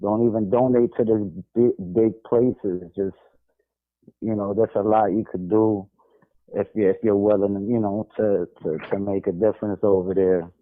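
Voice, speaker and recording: A man co-hosting a radio show, giving advice in halting casual chat with repeated words. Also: fairly low pitch, steady tone, narrow, tinny audio.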